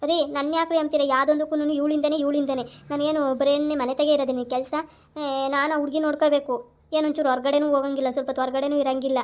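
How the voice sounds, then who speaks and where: A woman's voice: high voice, little pitch movement, a little fast, lightly acted. A woman, playing a young wife who defends herself against blame in a village family drama. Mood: defensive. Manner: pleading, defensive. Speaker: actress.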